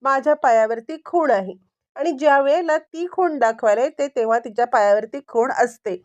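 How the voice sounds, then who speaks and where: A woman's voice: high voice, normal speed, highs cut off, natural voice. A woman reading a pleading, evasive young wife.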